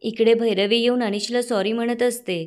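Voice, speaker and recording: A woman recapping a TV serial episode in a steady, plain storytelling voice. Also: a little high, normal speed.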